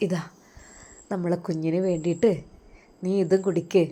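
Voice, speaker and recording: A woman's voice: lowish voice, little pitch movement, moderate pace, warm tone, natural voice. A woman voicing an affectionate young husband, a religious teacher, who talks tenderly and teases, with a Malabar Malayalam accent. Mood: tender teasing. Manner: tender and teasing.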